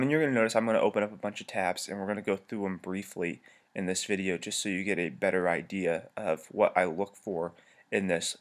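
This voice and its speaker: Congested, low-voiced man giving a tutorial. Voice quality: congested, nasal. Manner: explanatory, conversational. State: stuffed-up nose from allergies. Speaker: tutorial presenter. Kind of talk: informal screencast tutorial narration. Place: voice-over for a screen recording.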